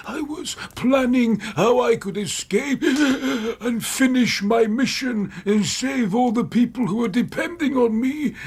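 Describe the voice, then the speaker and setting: Playing a bitter, crippled former soldier in a radio drama, an actor tells the man's story haltingly and with emotion. The rasping voice runs on the high side, the performance is heavily acted, and the mood is grim and haunted.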